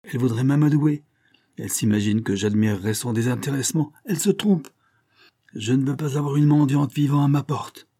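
Storybook reading: a man doing a short-tempered old English lord, dark and husky, barking his scorn. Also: medium pitch, fairly quick, lightly acted. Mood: angry. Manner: growling, scornful outbursts. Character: irascible gouty old English earl.

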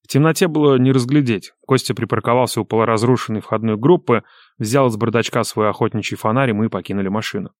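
Male audiobook narrator, grim, measured, middle pitch, dry booth sound. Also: no echo. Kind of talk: scripted first-person narration.

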